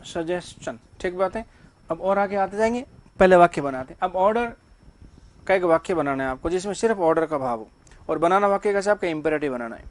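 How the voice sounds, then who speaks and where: A man's voice: sits high, animated, a little fast. A man teaching English grammar to a class. He keeps asking the students questions and then answers them himself.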